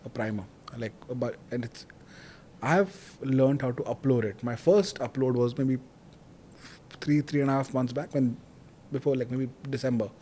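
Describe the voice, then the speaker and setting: A man hosting a podcast, telling stories in an animated, casual way. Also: mid-range voice, slight background noise. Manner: animated storyteller, quick bursts of detail. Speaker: podcast host. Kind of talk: casual interview chat.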